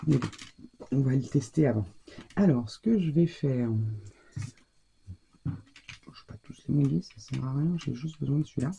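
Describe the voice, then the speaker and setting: A woman's voice: very deep voice, normal speed, creaky, long pauses, dark tone, slight background noise. A woman giving casual, chatty commentary on her scrapbooking, thinking aloud as she works. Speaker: scrapbooking crafter.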